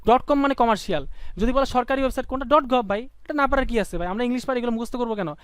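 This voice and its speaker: Speaking quickly in a very high register, this young Bangladeshi teacher leads a live online lesson, calling on students to yell answers and hammering points home by repeating them. His Bengali-accented delivery is jokey, dotted with snatches of song and mock phrases. The recording is clean and close-miked, dry, with no room sound at all.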